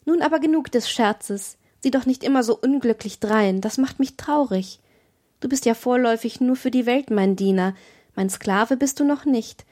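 A woman's voice: fairly high pitch, normal speed, darkish tone, lightly acted. A woman reading an audiobook, voicing a haughty, capricious young noblewoman who swings between tender and cruel. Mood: commanding. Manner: imperious, alternating tender and cruel.

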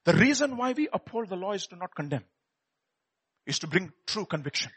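Indian accent guy preaching, kinda high pitched, sharp bright voice, really emphatic, repeats himself. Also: sing-song, brisk, husky. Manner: emphatic, dramatic swings, repeating words, asking rhetorical questions. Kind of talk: animated sermon with personal testimony.

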